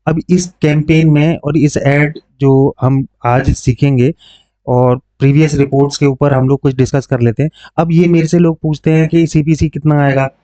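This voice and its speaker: A digital marketing coach hosting an online tutorial speaks in a mellow, fairly high voice with little pitch movement and at a normal speed. He walks through a screen tutorial step by step, explaining informally, mixing in English terms and frequent check-in tags. The mic sounds dull and lo-fi.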